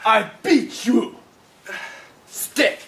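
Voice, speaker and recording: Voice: medium pitch, animated, extremely slow, fairly bright tone, reverberant, distant mic. A performer playing a cruel male prison camp guard who barks orders in broken English with a heavily put-on foreign accent and mocking laughs. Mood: barking. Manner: barking commands, mocking laughter.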